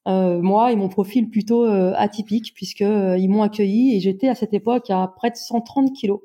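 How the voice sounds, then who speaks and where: Fortysomething woman on a podcast, warm lowish tone, lots of euhs, jokes about herself. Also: fairly even intonation. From Brittany, France. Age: 40s. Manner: hesitant, many filler pauses, self-mocking humour. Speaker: guest, amateur endurance runner. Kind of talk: podcast interview.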